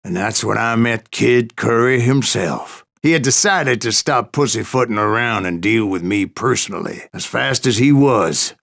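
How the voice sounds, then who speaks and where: Silas Greaves, gravelly old gunslinger. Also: male voice, mid-range voice, normal speed, few pauses, a bit bright. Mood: boastful, recounting. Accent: American Western drawl. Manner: folksy, rambling, theatrical. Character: grizzled old Wild West gunslinger spinning boastful tales. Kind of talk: dramatic first-person storytelling narration for a western game.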